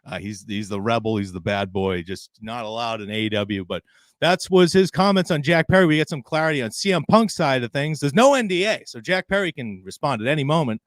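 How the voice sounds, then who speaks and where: A man's voice: medium pitch, lively intonation, a little fast, no room sound, clean studio sound. A man co-hosting a casual wrestling podcast, retelling a story and laughing often. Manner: recounts stories, laughing often. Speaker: podcast co-host.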